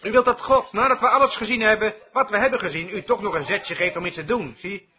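A man's voice: high-pitched, fast talker, sharp tone. A man preaching a sermon emphatically, often checking whether his listeners follow him. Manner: emphatic, asks the audience questions.

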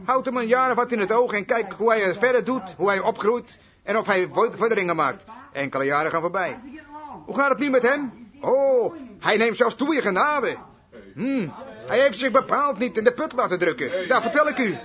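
High pitched guy preaching, tells it like a story, acts out the dialogue, lo-fi muffled tape. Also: lively intonation, normal speed. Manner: storytelling, voices dialogue, rises to exclamations. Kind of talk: sermon.

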